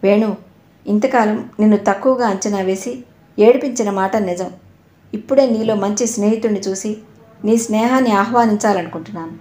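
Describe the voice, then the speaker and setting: A woman's voice: medium pitch, normal speed, mellow, close to an everyday voice. A woman voicing a proud young woman who speaks sharply and indignantly, in a storybook reading. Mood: stern. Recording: roomy echo.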